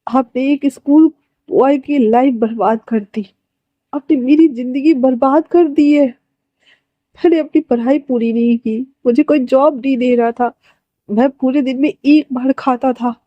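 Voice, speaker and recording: A woman voicing a bitter, furious young man who was wronged, shouting accusations in a storybook reading. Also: high voice, dry recording, highs cut off. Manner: shouting accusations, stammering in shock.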